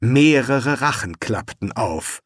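A man reading an audiobook in a slow, deliberate, dryly ironic manner, recorded close on a studio mic in a dry booth. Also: mid-range voice, expressive, no room sound. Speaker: audiobook narrator. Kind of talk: scripted narration.

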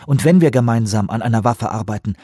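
A man voicing a controlled, insistent female commanding officer in a dry, husky-toned audiobook reading. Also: on the low side, warm tone, dry recording. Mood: urgent. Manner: insistent, measured pleading.

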